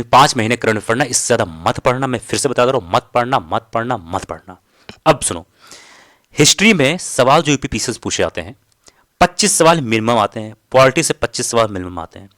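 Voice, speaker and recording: A man's voice: medium pitch, a bit bright, no room sound, clean studio sound. Man giving a direct exam-prep lesson. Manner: direct, repeats key points, asks "ठीक है?" often. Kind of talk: study strategy lesson.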